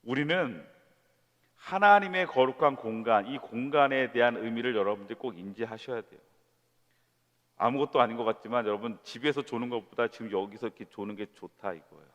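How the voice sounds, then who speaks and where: Guy pastor preaching to young adults, chatty and lively, lots of questions to the room, big church hall echo. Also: medium pitch, fairly quick, highs cut off. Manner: lively, conversational preaching with rhetorical questions and acted quotes. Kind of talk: sermon to a young adult congregation. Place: church sanctuary. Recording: long church hall reverb.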